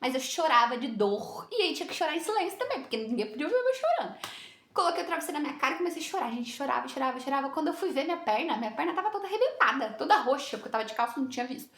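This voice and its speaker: A young woman telling a personal story to camera in a lively way, laughing often and acting out what people said. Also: high voice, racing. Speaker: vlogger. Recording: echoey room.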